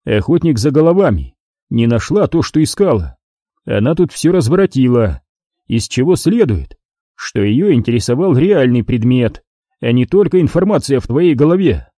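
A man reading an audiobook voices a calm, firm Jedi master in close to his own voice. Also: medium pitch, normal speed, dry recording. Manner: firm, businesslike.

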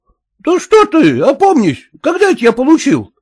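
A man voicing a wheedling one-eyed peasant who begs for his money in a high whining voice. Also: huge pitch swings, normal speed, a little mellow, exaggerated voice. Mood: pleading.

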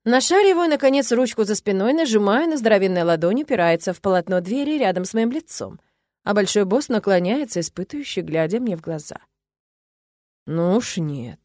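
A woman narrating a novel in the first person, lively and emotional, as if voicing her own inner thoughts. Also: medium pitch, fast talker, no room sound, studio quality. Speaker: audiobook narrator.

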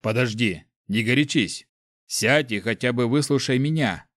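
A man's voice: mid-range voice, normal speed, fairly bright tone, no room sound, clean studio sound, lightly acted. A man voicing a careful, coaxing friend. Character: cautious male friend trying to calm another.

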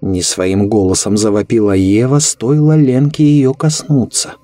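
Man, low voice, dry close sound, measured ominous horror narration. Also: level tone, mellow, dry recording.

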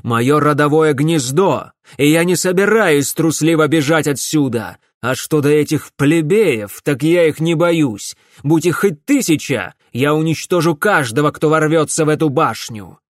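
A man's voice: medium pitch, measured pace, no echo, studio quality, natural voice. A man voicing a ruthless fire-mage baron who speaks in harsh, commanding declarations. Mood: arrogant. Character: ruthless fire-mage baron, a middle-aged father, hard and domineering.

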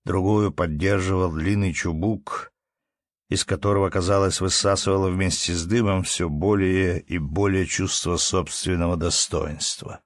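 A man narrating a classic story as an audiobook in a slow, measured way. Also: low-pitched, fairly even intonation, no echo, studio quality.

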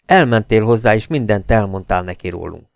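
A guy doing a harsh bitter man, low gravelly voice, dry recording. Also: expressive, no room sound. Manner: curt, harsh delivery. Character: bitter, angry middle-aged man, curt and cold.

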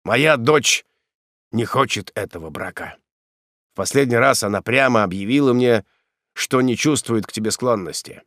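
A man's voice: mid-range voice, animated, normal speed, fairly bright tone, dry recording, studio quality, close to an everyday voice. A man reading a grave old count in a storybook. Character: old former count, bitter prisoner turned gentle.

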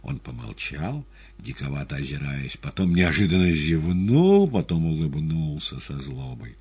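Casting: male audiobook narrator, low husky voice, lively dramatic reading. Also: unhurried. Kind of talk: expressive literary narration.

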